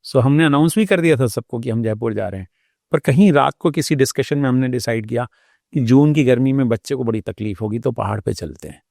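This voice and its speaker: A man with a warm, mellow voice tells his own story as an interview guest. He pauses often and sounds reflective. The recording is dry and close, with no room sound. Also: medium pitch, creaky, dry recording. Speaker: doctor.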